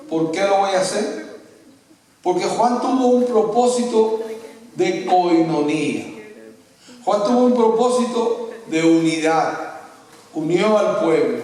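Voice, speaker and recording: A man's voice: high voice, a little mellow. A man preaching a sermon as pastor, telling stories, calling the listeners brother and acting out the people he quotes. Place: church. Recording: echoey church hall, voice from far off the mic.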